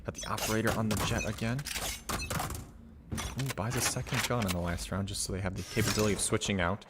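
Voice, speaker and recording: A man's voice: fairly low pitch, steady tone, fast talker, very noisy. A man doing live play-by-play commentary on a video game match, with analytical, explanatory asides. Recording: loud gunfire and game clicks behind. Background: shooter game gunfire and clicks.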